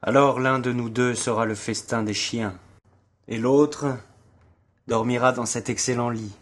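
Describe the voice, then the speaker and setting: A man's voice: medium pitch, fairly even intonation, unhurried, natural voice. A man voicing a suave, mocking aristocratic general who speaks with courtly irony. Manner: courtly and ironic.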